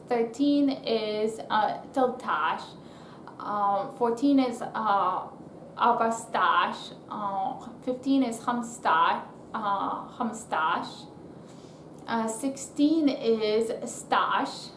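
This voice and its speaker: A woman giving an informal counting lesson, halting and thinking aloud as she teaches. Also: a little high. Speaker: language teacher. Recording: echoey room with faint background noise.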